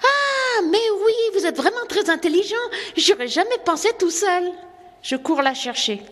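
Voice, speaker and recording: A woman's voice: extremely high pitch, expressive, normal speed, big-room sound, pitched above the performer's own voice. A woman voicing a kind, eager young male chimney sweep who talks to the children in a storybook reading. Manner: bright, eager, talking to children.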